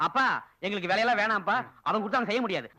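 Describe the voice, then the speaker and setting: An actor playing a pushy, gruff young fan in a film comedy, muttering and scheming. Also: male voice, high-pitched, rapid-fire, sharp tone. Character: pushy young man, a star-struck fan.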